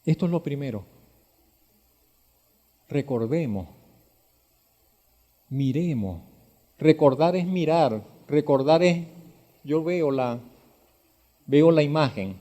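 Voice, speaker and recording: Male pastor, sermon delivery; mellow, slightly high voice; direct questions to the congregation; swings from hushed to forceful. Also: animated, slow pace, long pauses. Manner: emphatic, rising to loud exhortation.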